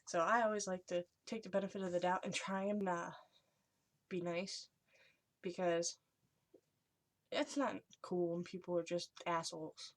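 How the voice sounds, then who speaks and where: A young adult woman vlogging in a hushed, whispery voice, chatting casually as she reads and reacts to short messages. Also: lowish voice, steady tone, measured pace, long pauses. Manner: hushed, whispery delivery, as if sharing secrets.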